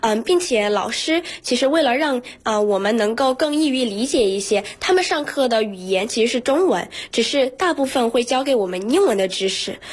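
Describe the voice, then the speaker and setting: A woman's voice: on the high side, animated, brisk, few pauses, husky. A teenage schoolgirl answering interview questions earnestly in a radio studio, with frequent fillers. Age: teens. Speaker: student guest.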